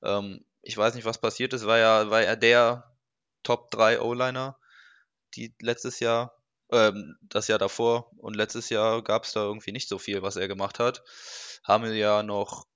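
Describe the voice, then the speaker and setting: Man, podcast co-host, casual chat, low voice, hedging, dry. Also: flat delivery, measured pace, a bit bright, clear, resonant tone, no room sound, dull audio. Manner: thoughtful, hedging opinions.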